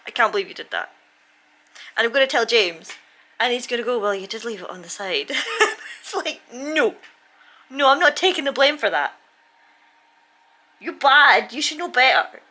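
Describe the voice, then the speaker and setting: A woman's voice: on the high side, expressive, normal speed, pauses often, pushed and bright. Chatty British woman vlogging at home. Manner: chatty and rambling, scolding her dog playfully. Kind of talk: casual chat to camera. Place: home kitchen and living room. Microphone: handheld camera at arm's length.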